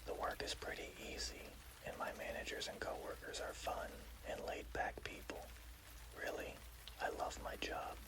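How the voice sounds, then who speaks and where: A person telling a scary story in a hushed, slow, deliberate ASMR whisper. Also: low-quality recording.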